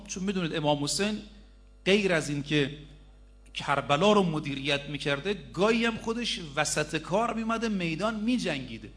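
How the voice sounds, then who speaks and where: A man's voice: on the high side, fairly bright tone. A middle-aged man preaching a sermon, telling a story and speaking straight to his listeners. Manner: storytelling, addresses listeners directly.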